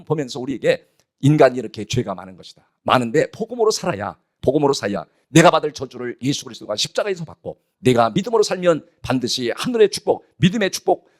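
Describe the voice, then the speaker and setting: A male pastor preaching a sermon with emphasis, often putting rhetorical questions to his congregation. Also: on the high side.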